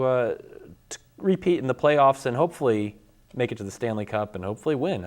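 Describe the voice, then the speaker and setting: A man co-hosting a sports show, casually recapping the hockey season in a halting, joking way with many fillers. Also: mid-range voice, smooth. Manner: halting, filler-heavy, jokey.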